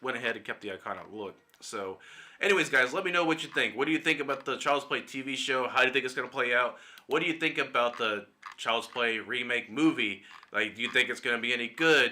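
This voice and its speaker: A man's voice: medium pitch, sharp tone. A man giving casual, speculative solo commentary for his channel, opinionated and swearing now and then. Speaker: YouTube movie commentator. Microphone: desktop mic, screen-recorded video.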